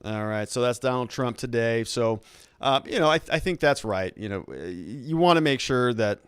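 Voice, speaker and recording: A man hosts a live political commentary stream in a smooth, clean voice. The recording is dry and close, and he talks conversationally, drifting into asides as he goes. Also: medium pitch, animated, moderate pace, no room sound.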